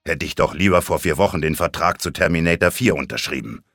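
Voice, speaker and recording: A man's voice: a bass voice, expressive, fast talker, a bit bright, faint music behind, exaggerated voice. A man playing a bored, sardonic temple guard in a comic video game. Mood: grumbling, impatient. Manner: sardonic, grumbling. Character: bored, grumbling male temple guard, menacing warrior.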